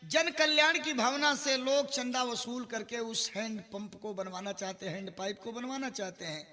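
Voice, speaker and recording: A man with a Bhojpuri accent performing a Birha folk ballad, switching between spoken storytelling and drawn-out sung lines and calling out to his listeners. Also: extremely high pitch, bright, forceful tone. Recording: echoey studio mix with instrumental music behind. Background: folk instrumental accompaniment.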